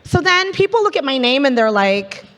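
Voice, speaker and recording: Speaking through a handheld mic on stage, this Canadian MC has a high, sing-song voice with a fairly bright tone and a moderate pace. She keeps things chatty and playful to pull in the crowd at a live business event, and the big conference hall adds plenty of echo.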